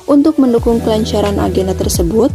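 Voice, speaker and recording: Fairly high female narrator over loud music. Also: a little fast. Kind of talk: scripted narration.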